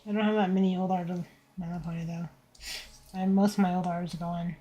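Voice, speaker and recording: Tired, husky-voiced young woman streamer. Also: flat delivery, fast, warm tone, muffled recording. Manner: low-energy, tired, laid-back; rambling, thinking aloud while drawing. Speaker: VTuber streamer. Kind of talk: casual art stream chat. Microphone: desk microphone set to surround pickup.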